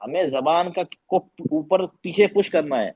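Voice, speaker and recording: A man's voice: on the high side, measured pace, husky, muffled recording. A man teaching Quran recitation in an online class, patiently repeating letter sounds for students to echo.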